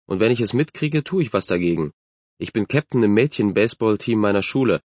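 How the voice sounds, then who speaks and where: A man's voice: on the low side, expressive, a little fast, a little mellow, no echo, muffled recording. A man voicing a confident, friendly girl who is a team captain and stands up for others. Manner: self-assured, friendly.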